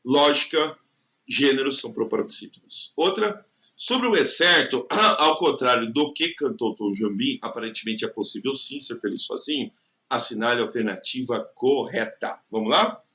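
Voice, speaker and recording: Pushed and bright, with a medium pitch, a man's voice carries a recorded online exam prep lesson in Brazilian Portuguese. He keeps things conversational, checks in with the listener regularly, and elongates words slowly so the stressed syllable stands out.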